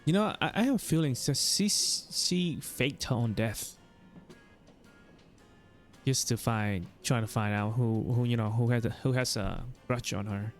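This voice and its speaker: A man's voice: mid-range voice, measured pace, faint music behind. A man giving casual, musing, hesitant commentary while playing a game. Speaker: let's play commentator.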